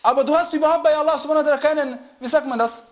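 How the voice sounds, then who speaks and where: A man's voice: very high-pitched, steady tone. A man giving a religious lecture who often stops to search for the right word and checks whether listeners follow. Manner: often pauses to search for German words; asks listeners to confirm they follow. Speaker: religious teacher. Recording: dull lo-fi recording.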